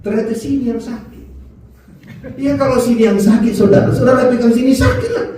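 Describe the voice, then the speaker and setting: High-voiced preacher in an echoey hall. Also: male voice, brisk, distant mic, noisy background. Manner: lively preaching, swinging between low and high pitch. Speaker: pastor. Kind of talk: sermon.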